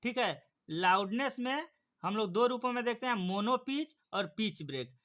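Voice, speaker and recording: A man's voice: sits high, expressive, normal speed, fairly bright tone. A young man teaching an exam-prep lesson, asking the class questions and answering them himself. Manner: repetitive, rhetorical questions then answers.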